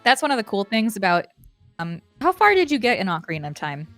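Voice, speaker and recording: A woman's voice: mid-range voice, sing-song, fast, fairly bright tone, soft background music. A woman streamer chatting casually and curiously while playing a game. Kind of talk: casual let's-play chat.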